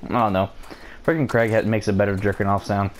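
A man's voice: lowish voice, fast, background noise. Swearing young man gaming at home. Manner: swearing, joking, excitable. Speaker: gamer. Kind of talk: casual gameplay commentary. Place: home room with open window. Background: cars passing outside.

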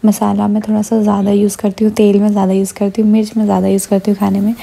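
A woman talking through a home cooking recipe step by step, speaking softly and slowly because a child is asleep beside her, with fillers and self-corrections. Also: mid-range voice, completely flat delivery, gravelly, husky. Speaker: vlogger. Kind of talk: cooking vlog narration.

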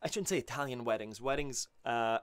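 His mid-range voice is fairly quick, fairly bright, and smooth as the thirty-something accordion teacher chats casually and with animation on a live stream, often correcting himself. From a small indoor home studio, a studio mic on a stand catches his accordion playing beneath the voice.

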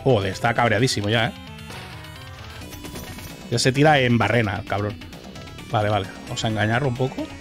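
A man's voice: medium pitch, brisk, pauses often. A man with a Castilian Spanish accent giving casual, sweary gameplay commentary, talking to himself as he plays. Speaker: gaming streamer. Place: small indoor streaming room. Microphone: boom-arm microphone close up. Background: video game music.

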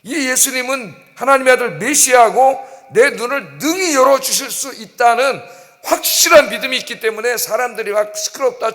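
A middle-aged man preaches an early-morning sermon with a fairly high voice. His delivery is emphatic, with frequent prompts to the congregation. The sanctuary gives his voice a long, ringing reverb. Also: a bit bright. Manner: emphatic, keeps prompting the congregation, acts out quoted cries. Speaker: pastor. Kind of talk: dawn service sermon. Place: church sanctuary.

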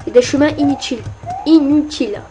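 Excitable high-voiced woman gaming. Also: fairly quick, noisy background. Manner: excitable, frequently yelling and cursing at enemies. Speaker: let's play gamer. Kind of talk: casual gameplay commentary.

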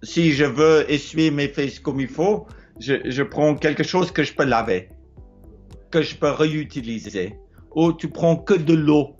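An explorer from South Africa, middle-aged with an Afrikaans accent, gives casual advice in hesitant non-native phrasing, repeating himself and searching for words. His voice is unhurried, slightly raised in pitch, and a little mellow; a close, low-angle phone records him lo-fi in a wood-ceilinged room, with faint music behind.

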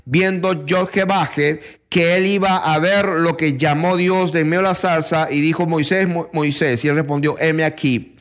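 A man giving a Bible teaching, reading scripture aloud and explaining it with many pauses. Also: fairly high pitch, steady tone. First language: not Hebrew.

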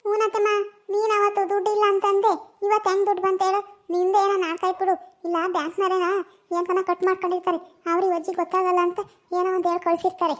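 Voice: very high-pitched, level tone, fast, no echo. A performer voicing a village mother in a comedy cartoon, arguing indignantly with her mother-in-law.

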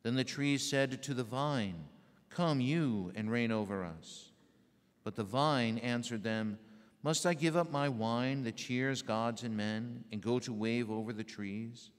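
A man leading a church service as priest, reciting prayers and readings in a measured, solemn way. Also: mid-range voice. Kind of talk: liturgical recitation. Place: large church. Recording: echoey church hall.

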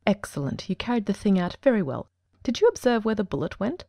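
A woman's voice: mid-range voice, sing-song, quick pace, mellow, no echo. A woman voicing a coolly self-assured male detective genius, precise and formal, in a dramatic audiobook. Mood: brisk, appreciative. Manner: crisp, formal, commanding.

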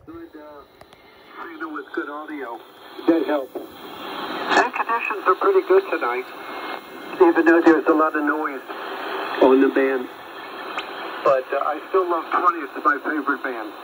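A man's voice: fairly high pitch, unhurried, long pauses. Mistuned ham radio man amid static. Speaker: amateur radio operator. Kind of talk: on-air radio contact. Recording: static-heavy shortwave radio reception.

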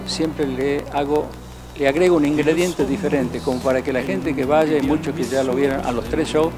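An older man, a singer being interviewed, talking in a casual, hesitant way with many fillers and repeated words, into a handheld mic in a restaurant. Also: fairly high pitch. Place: indoor restaurant, large room. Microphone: handheld mic held by the interviewer.

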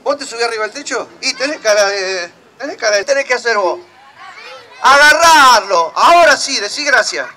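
Very high-voiced Argentine man, outdoor crowd. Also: expressive, fast, hardly any pauses, sharp tone. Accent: Rioplatense Argentine Spanish. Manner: playful, teasing banter with children. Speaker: puppeteer and workshop teacher. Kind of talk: teaching a puppetry workshop, then hosting a children's puppet show. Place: outdoor town square. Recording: outdoor crowd and street noise.

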